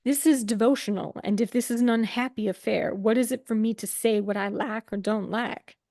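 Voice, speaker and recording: A woman's voice: fairly high pitch, brisk, creaky, darkish tone, dry recording. Woman playing a blunt Southern writer. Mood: gloomy. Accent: American Southern. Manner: blunt, dry, contrary. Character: young woman writer, blunt, gloomy, devout. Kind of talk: improvised role-play reading.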